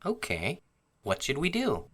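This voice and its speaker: A man's voice: on the high side, huge pitch swings, slow, sharp tone, slightly rough, exaggerated voice. A man voicing Carl, a laid-back young man in a scripted course dialogue, with short, plain textbook delivery. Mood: easygoing.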